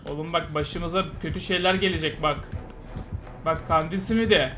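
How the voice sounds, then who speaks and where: A young man giving playful, casual commentary while playing a game, muttering one moment and shouting excitedly the next. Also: fairly high pitch, moderate pace, noisy background. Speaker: gaming streamer. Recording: game music behind the voice.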